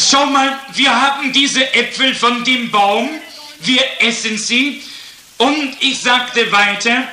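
A man preaches with a very high, bright voice. He speaks slowly and deliberately, often pausing on "seht". The sound is roomy, with a noticeable echo. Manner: slow, measured preaching with frequent "seht". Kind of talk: sermon.

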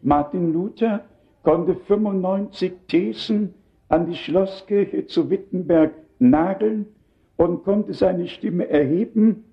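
A man's voice: sits high, gravelly, lo-fi sound. An older man preaching a sermon in earnest, emphatic tones, turning now and then to talk straight to the congregation.

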